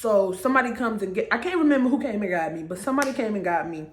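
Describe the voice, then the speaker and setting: A woman's voice: mid-range voice, animated, very fast, slight background noise. A young woman in her twenties telling a personal story to camera in a casual, conversational way, checking in with viewers with little asides. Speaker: vlogger. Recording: roomy echo.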